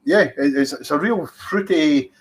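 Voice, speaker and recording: A man's voice: on the high side, expressive, unhurried. Chatty Scottish man hosting a tasting. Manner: chatty, teasing, restarts, savours the words. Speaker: whisky tasting host. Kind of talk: casual tasting commentary.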